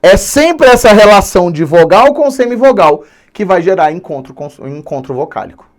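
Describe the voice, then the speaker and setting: In a high voice, a male teacher of Brazilian Portuguese runs an online grammar class, energetic and lingering slowly on the words that matter most.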